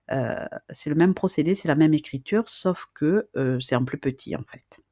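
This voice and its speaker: Slow, low-voiced woman teaching letters. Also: warm tone, dry recording. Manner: patient, repeats questions, checks with "d'accord?". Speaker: reading and writing teacher. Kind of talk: slow, patient lesson.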